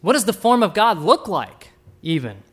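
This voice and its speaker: A man preaching a sermon, asking the listeners direct questions and swinging between hushed and emphatic delivery. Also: high-pitched, sing-song, normal speed.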